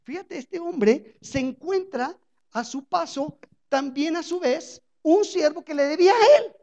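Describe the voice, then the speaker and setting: Gravelly-voiced woman preaching on radio. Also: high-pitched, animated, unhurried, warm tone. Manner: conversational preaching with frequent rhetorical check-ins. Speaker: Bible teacher on a radio program. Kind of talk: radio sermon on a parable. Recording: dull lo-fi radio recording.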